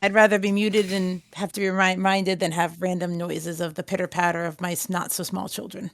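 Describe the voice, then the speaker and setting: A woman playing in a tabletop game from her home over a voice call, soft-spoken and easygoing. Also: on the low side, flat delivery, fairly quick. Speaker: player and mother. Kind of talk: casual chat in a tabletop game. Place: home with children. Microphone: voice call mic.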